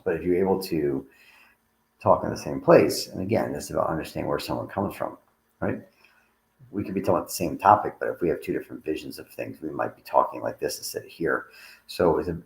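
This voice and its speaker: A man's voice: very deep voice, roomy sound, slight background noise, rough recording. A tired man talking casually to livestream viewers as a coach, rambling and restarting his sentences. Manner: rambling, conversational, frequent restarts. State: tired, yawning.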